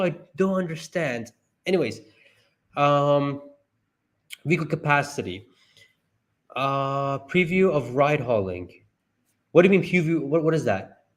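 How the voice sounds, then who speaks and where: A man streaming live commentary as he reads through a report, talking to himself and his viewers and breaking into excited high yelps. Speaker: stock market streamer.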